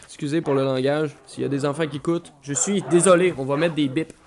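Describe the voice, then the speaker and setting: A man with a Québécois accent giving excitable, swearing gameplay commentary while he has the flu. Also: a little high, fast talker, background noise. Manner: excitable, swears often, loud outbursts. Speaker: gaming YouTuber.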